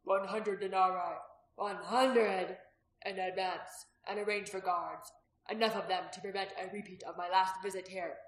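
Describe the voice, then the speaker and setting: A woman's voice: mid-range voice, fairly even intonation, normal speed, close to an everyday voice. A woman reading the part of a blunt, hardened former gladiator who speaks curtly and dryly, in a storybook reading. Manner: curt, dry, firm. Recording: roomy echo.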